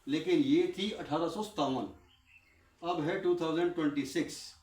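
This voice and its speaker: A man speaking to a class of trainees in a fervent, repetitive way, firing questions at the room and answering them himself. His voice sits a little high and reaches the mic from across an echoey room. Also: a little mellow, far from the mic. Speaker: guest speaker addressing trainees. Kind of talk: impassioned classroom talk.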